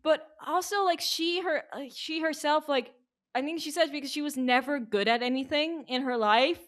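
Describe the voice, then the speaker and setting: A woman's voice: high voice, normal speed. A woman co-hosting a podcast, chatting casually and peppering her sentences with "like" and restarts. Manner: chatty, full of "like" fillers and restarts. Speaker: podcast co-host. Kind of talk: casual chat.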